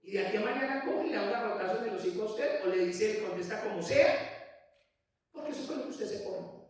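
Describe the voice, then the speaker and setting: A man's voice: sits high, fast talker. A man preaching a sermon to his congregation as pastor, emphatic and addressing listeners directly. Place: church. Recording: echoey church from far off.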